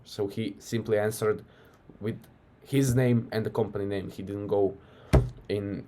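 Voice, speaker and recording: A mellow, lowish male voice with a Croatian accent coaches casually through a recorded sales call. His manner is loose and conversational, and he often tacks on "right?".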